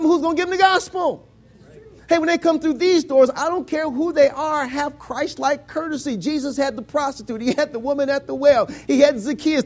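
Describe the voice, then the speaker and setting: A man preaching a sermon with emphatic, repetitive lines that climb to shouts. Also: very high-pitched.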